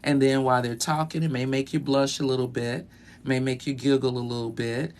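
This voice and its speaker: A man who works as a sexologist, speaking in a relaxed educational talk with many fillers and repeated phrases, recorded in a bedroom closet. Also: mid-range voice, brisk.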